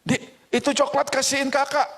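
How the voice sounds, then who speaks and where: A domineering older sibling from a sermon story, demanding and taunting, as a man acts it out. The voice is raised high and sounds bratty and bossy. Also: level tone, a little fast, fairly bright tone.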